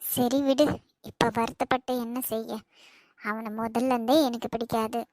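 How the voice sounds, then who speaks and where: A woman voicing a blunt but caring young friend in a cartoon, brisk and comforting, in Kanyakumari Tamil. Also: fairly high pitch, little pitch movement, darkish tone, no room sound, voice pushed down, lightly acted. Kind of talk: cartoon voice acting.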